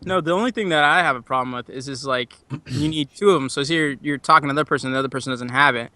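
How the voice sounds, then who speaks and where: Bright, eager man pushing his point. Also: medium pitch, very fast, dry recording. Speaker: podcast co-host. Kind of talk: casual panel chat.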